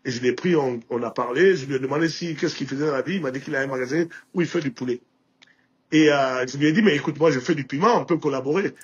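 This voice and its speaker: A Burkinabé entrepreneur with a French accent from Burkina Faso tells anecdotes as a guest in a casual interview, with frequent restarts and filler. His medium-pitched voice is fast and slightly rough, and the audio has its highs cut off.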